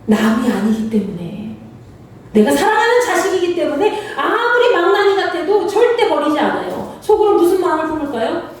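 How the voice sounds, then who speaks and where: A woman's voice: very high voice, very animated, moderate pace, slight background noise. A woman pastor preaching a sermon, asking the congregation questions and acting out the quoted lines. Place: church sanctuary. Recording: very echoey hall, voice from far off.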